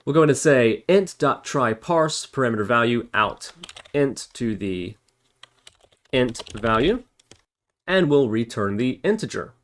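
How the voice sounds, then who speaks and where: This is a man of medium pitch with lively intonation, talking a little slowly as he gives a casual, step-by-step programming lesson. As he types he thinks aloud and self-corrects. Keyboard clatter, clicks, and background noise make the recording noisy.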